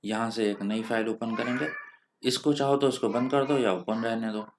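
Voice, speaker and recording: A man's voice: mid-range voice, steady tone, moderate pace, noisy background. A man with an Indian accent teaching programming step by step in a screen-recorded coding tutorial. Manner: patient step-by-step explaining, mixes English terms.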